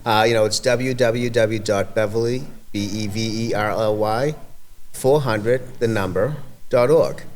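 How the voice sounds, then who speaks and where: In a relaxed podcast conversation, a community event organizer with an Everett, Massachusetts accent rambles and halts, often starting over. His voice sits on the low side, and a little hiss or hum can be heard.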